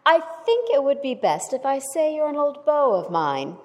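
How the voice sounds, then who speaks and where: A woman's voice: sits high, very animated, normal speed, a little mellow, muffled recording. An actress plays a seductive society hostess, coy and flirtatious, her voice lifting and dipping in wide swings. The long reverb of a courthouse hall carries her lines in a live radio stage show. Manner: coy, flirtatious, breathy laughs. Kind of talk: live old-time radio drama.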